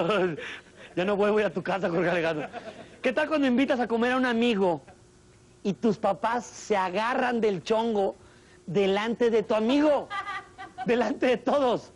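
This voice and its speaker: A man with a Mexican accent doing a slangy, animated stand-up comedy monologue as a TV host, often chuckling as he talks. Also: sits high. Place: TV studio with live audience. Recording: TV studio audience laughter, noisy broadcast.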